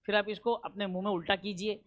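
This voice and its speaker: A man teaching a classroom lecture, emphatic and repetitive, often checking that students follow and slowing down for key English terms. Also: high voice, level tone, a bit bright, highs cut off. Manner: emphatic, repeats points and keeps checking understanding.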